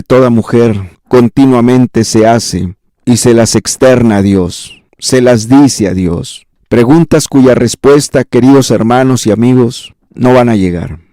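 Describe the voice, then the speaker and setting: Male pastor, impassioned sermon delivery, mellow dark tone, dry close recording. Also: medium pitch, no echo. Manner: impassioned, slows on key phrases.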